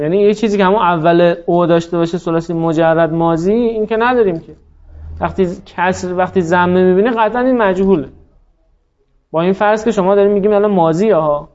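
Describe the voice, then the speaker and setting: Higher-voiced man teaching a grammar class, patient, quizzes students, dull lo-fi sound. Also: a little mellow. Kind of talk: classroom lesson, drilling students.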